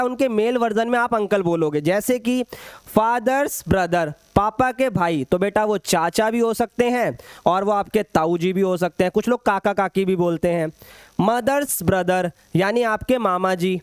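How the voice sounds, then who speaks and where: A man's voice: sits high, clean tone, no echo. A young man teaching an online exam-prep maths lesson, calling students "beta", repeating points and adding playful asides.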